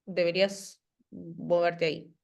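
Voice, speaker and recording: A woman coordinating a virtual class over a video call, sorting students into groups in a brisk, practical way. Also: fairly low pitch, level tone, gravelly.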